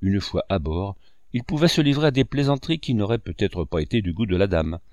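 A man narrating a classic novel in a measured storytelling manner. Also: lowish voice, animated, a little mellow, no echo. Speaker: audiobook narrator.

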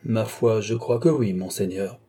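A man's voice: lowish voice, measured pace, mellow, breathy edge. A man voicing a wary, deferential male secretary in an audiobook, teasing his master. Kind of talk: audiobook character reading.

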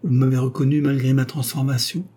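A man's voice: medium pitch, level tone, a little fast, mellow, husky, lightly acted. A man reading aloud, voicing an earnest young woman who was once a governess and is now a rich heiress.

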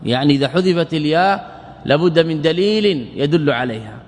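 A man teaching Arabic morphology in a lecture, repeating words slowly and asking and answering his own questions. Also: on the high side, expressive. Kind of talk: classroom lecture explaining grammar. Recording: long hall reverb.

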